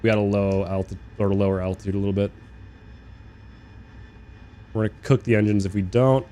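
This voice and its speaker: A young man live-streaming a flight sim, chatting casually and rambling, swearing freely, talking to his chat and bursting into loud incredulous rants. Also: lowish voice, little pitch movement, brisk. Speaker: game streamer. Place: living in Australia.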